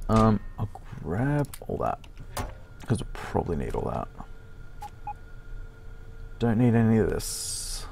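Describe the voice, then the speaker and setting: Middle-aged man, deadpan gameplay commentary, gravelly low voice, faint keyboard clicks behind. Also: slight background noise. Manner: deadpan, swears casually, mutters to himself. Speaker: gaming channel host.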